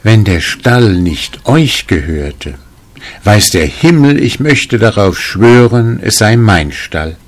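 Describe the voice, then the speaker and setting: A man's voice: lowish voice, very animated, slow, voice pushed up, heavily acted. A man voicing a simple, trusting farmer who is confused and earnestly pleading, in a read-aloud folk tale. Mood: puzzled.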